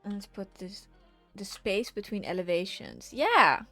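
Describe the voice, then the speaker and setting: Very animated yet a little slow, this woman has a medium-pitched, sharp-toned voice. She streams herself painting, chatting casually with viewers, laughing at their messages, and half-whispering to herself, while faint music plays.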